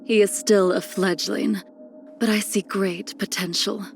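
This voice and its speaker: Scripted lines come from an ageless, melancholy swordswoman in a video game, with faint music behind her. Her mid-pitched voice has a creaky edge, and she speaks slowly, formally, and with fairly even intonation. The somber, cold, solemn phrases often sink into a breathy near-whisper.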